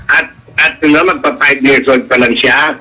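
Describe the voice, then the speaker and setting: Bright-voiced man telling a story. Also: medium pitch, normal speed, poor audio. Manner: animated storyteller, acts out quoted dialogue. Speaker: radio show guest. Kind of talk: casual radio interview chat.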